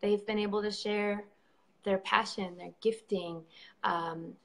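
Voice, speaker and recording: A woman who organizes events talks slowly on a live stream, her mid-range voice holding a steady tone. She is effusive and earnest, with many ums, fillers and false starts.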